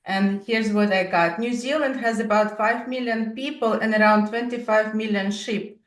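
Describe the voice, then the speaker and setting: Host: woman, mid-pitched, curious and friendly, roomy echo, set back from the mic. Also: fairly even intonation, moderate pace, distant mic. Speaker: podcast host. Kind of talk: interview conversation.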